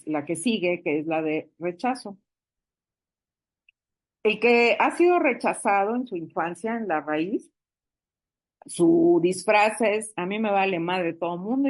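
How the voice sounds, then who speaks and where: A woman's voice: lowish voice, a little mellow. A woman giving a talk to a support group, conversational, with rhetorical questions and acted-out quotes. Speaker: speaker sharing recovery experience.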